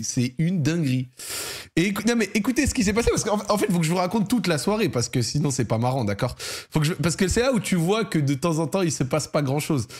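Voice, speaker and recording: Young Parisian male streamer, loose slangy storyteller, voice sits high. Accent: Parisian French. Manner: slangy, animated, laughs while telling stories. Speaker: streamer hosting a football debrief. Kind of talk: casual storytelling monologue to viewers.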